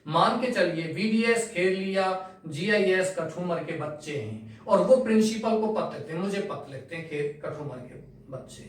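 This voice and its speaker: Teacher in an echoey room. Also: male voice, sits high, lively intonation, normal speed, few pauses, recorded from a distance. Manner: explains step by step, asks and answers his own questions. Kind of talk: classroom lesson.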